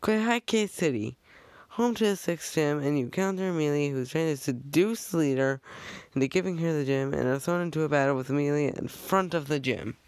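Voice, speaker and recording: This man's voice is fairly high and brisk as he casually narrates a fan-made slideshow on a close, echo-free microphone. His talk rambles, full of jokes on the side and frequent self-corrections.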